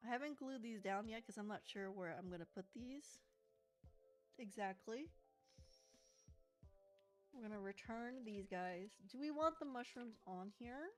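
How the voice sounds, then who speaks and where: A woman's voice: fairly high pitch, expressive, measured pace, long pauses, soft background music. A young woman chatting casually and playfully while she crafts in her journal, joking and giggling as she talks to viewers. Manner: playful, giggly, sings snatches of songs.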